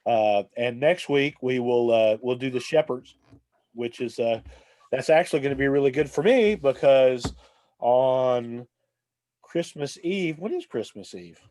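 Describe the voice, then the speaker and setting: A man hosting a Bible talk, telling a story in a loose, rambling way with many "uh"s. His voice sits at an average pitch, recorded close and dry with no room sound. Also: unhurried, dry recording. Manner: rambling, filler-heavy, relaxed storytelling. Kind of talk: casual chat.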